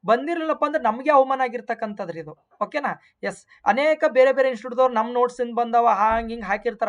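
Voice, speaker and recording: A woman with a North Karnataka Kannada accent, an exam coaching teacher going over test answers, emphatic, repeating key points and mixing in English terms. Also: on the high side.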